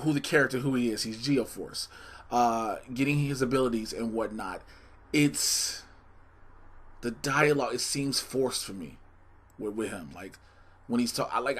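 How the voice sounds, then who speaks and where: A man giving a casual, slangy review of a TV episode, animated and full of restarts and asides. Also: mid-range voice.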